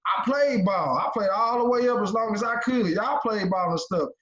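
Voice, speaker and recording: A man in his thirties with a fairly high voice, talking sports in slang over a video call. His sound is roomy and a little dull, as if picked up in an echoey space. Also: expressive, normal speed, fairly bright tone. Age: 30s. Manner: slangy, persuasive. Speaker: podcast co-host. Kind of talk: casual sports talk.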